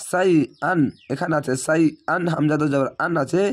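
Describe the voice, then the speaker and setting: A man with a somewhat high, hoarse voice teaches reading aloud. He breaks each word into letters and vowel marks, then joins them, in a slow, patient teaching manner. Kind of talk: spelling-out recitation lesson.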